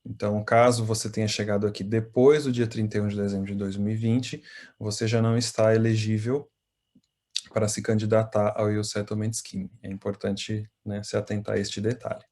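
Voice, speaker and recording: A Brazilian man with a Brazilian Portuguese accent speaks as a volunteer consultant at an online information session. He explains things steadily and fairly quickly in a fairly low voice, using frequent fillers.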